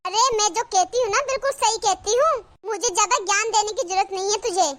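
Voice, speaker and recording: In a very high, fairly quick voice, a voice actor plays a cartoon character: a middle-aged village mother-in-law who nags and scolds. The delivery is sarcastic and complaining, with a scolding mood.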